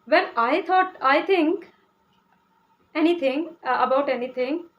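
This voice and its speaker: A young Indian woman, a Hindi speaker from Uttar Pradesh, gives a casual explanation of English learning to camera at a measured pace in a high voice. Her speech is hesitant, full of "uh" fillers and restarts, punctuated by "okay?", and the audio sounds dull.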